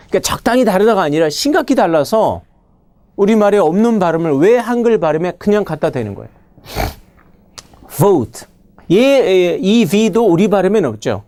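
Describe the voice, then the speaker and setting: Animated, scolding male lecturer, mellow tone. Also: sits high, dry recording. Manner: scolding, full of rhetorical questions and prodding "huh?" tags. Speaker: English vocabulary lecturer. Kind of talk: recorded classroom lecture.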